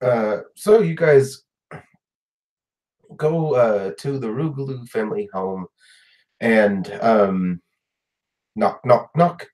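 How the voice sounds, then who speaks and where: A man improvising tabletop game narration as game master, in a halting way. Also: medium pitch, darkish tone, rough recording.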